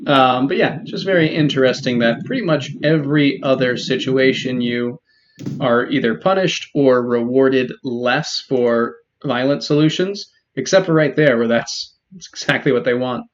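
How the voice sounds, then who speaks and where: A man giving relaxed, chatty commentary while playing a game, with many ums. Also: mid-range voice, normal speed, dull audio, a little hiss or hum. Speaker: let's play host. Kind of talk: casual gameplay commentary.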